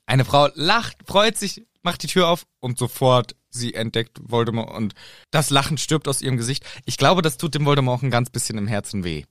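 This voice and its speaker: A man's voice: mid-range voice, expressive, normal speed, a bit bright, no echo, clean studio sound. A man co-hosting a casual book podcast, playfully retelling scenes with frequent giggles. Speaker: podcast co-host.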